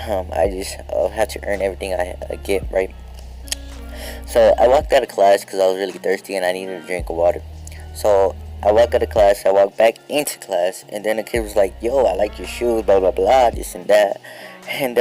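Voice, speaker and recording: A man's voice: lowish voice, mellow, poor audio. A young man casually telling a story to his viewers, with lots of fillers and swearing. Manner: laid-back, filler-heavy, swears often. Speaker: storytime vlogger.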